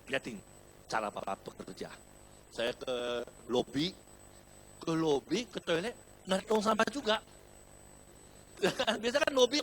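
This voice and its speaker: A man's voice: sits high, a little hiss or hum. A middle-aged male pastor from Indonesia telling a personal story in a sermon, calling the congregation brothers and sisters and slipping in English words. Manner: animated storytelling, addresses congregation as saudara, mixes in English words. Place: church hall.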